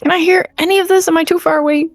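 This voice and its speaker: A woman's voice: very high voice, steady tone, very fast. A woman player doing casual, hesitant role-play in a tabletop game. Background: faint music, at times a vacuum.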